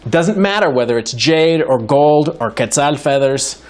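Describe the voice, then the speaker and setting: A man's voice: on the high side, animated, moderate pace. A man giving a university lecture to a live audience in a hall, wry and joking, thinking aloud with frequent restarts. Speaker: guest lecturer in philosophy.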